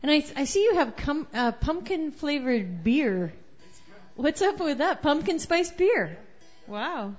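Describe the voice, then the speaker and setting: A woman's voice: sits high, very animated, slow. A woman chatting and joking with the crowd between songs at an open mic night, speaking into a stage microphone. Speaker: open mic singer-songwriter. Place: small live music venue. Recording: muffled live venue recording with music.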